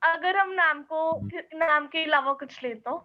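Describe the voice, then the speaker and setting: A teenage girl student answers haltingly, as if still working out what she thinks. Her voice is very high, and the sound is dull and lo-fi. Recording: dull lo-fi video call audio.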